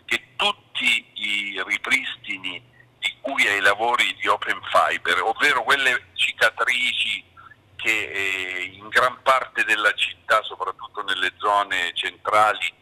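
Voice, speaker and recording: A man's voice: on the low side, slow, pushed and bright. A middle-aged man, a city councillor, heard on speakerphone during a live phone-in, explaining his points and stressing them by repeating them. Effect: on speakerphone over a phone line. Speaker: city councillor for public works.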